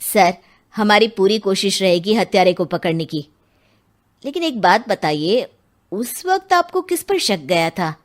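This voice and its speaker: An earnest police inspector in a story drama, voiced by a woman. The pitch is medium, and the delivery is formal and respectful, like an officer questioning politely. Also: lively intonation, unhurried, natural voice. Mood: probing, polite. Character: earnest male police inspector investigating an old murder. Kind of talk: scripted dramatised story dialogue.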